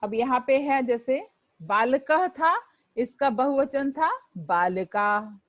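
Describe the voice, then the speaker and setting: A woman's voice: high-pitched, lively intonation, slow pace, muffled recording. A woman teacher explaining a textbook lesson to pupils, patiently going over each exercise and reciting word forms for them to repeat.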